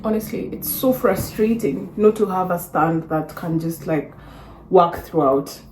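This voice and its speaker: A young Kenyan-accented woman vlogging straight to her phone in a small room, her voice sitting a little low for a woman. She chats casually with plenty of "like", drifting from soft and wistful to loud and lively. The room is echoey, with a faint hiss underneath. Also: a little slow. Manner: chatty, lots of "like", swings from soft and wistful to loud and animated. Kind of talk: casual chat to camera. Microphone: phone or camera on a stand.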